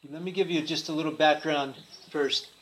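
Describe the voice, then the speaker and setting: A man preaching a sermon in short phrases, pausing so an interpreter can translate each line. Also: fairly high pitch, steady tone, a bit bright, poor audio.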